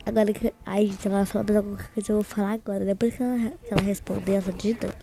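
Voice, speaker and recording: Rambling teenage girl vlogger, mellow tone. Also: medium pitch, little pitch movement. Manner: rambling, talks fast by her own account. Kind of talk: casual chat, recounting a prank.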